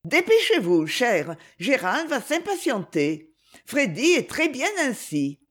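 A woman's voice: fairly high pitch, very animated, pitched above the performer's own voice, exaggerated voice. A woman reading the part of an eager, chatty young noblewoman who gushes and hurries her words. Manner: gushing and hurried.

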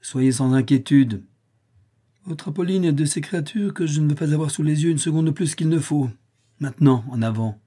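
A man's voice: fairly high pitch, normal speed, voice pushed up, natural voice. A man voicing a menacing, mocking male centurion in a storybook reading, barking orders. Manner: commanding, loud.

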